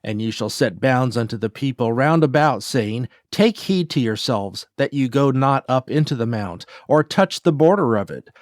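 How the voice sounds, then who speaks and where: A man giving a measured, solemn scripted reading of scripture. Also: medium pitch, lively intonation, dry recording, clean studio sound. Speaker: scripture reader.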